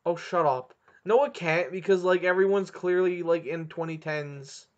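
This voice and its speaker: A man's voice: high-pitched, moderate pace. A young man co-hosting a podcast in casual chat, bantering brashly and steering the discussion. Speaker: podcast co-host. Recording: dull lo-fi sound.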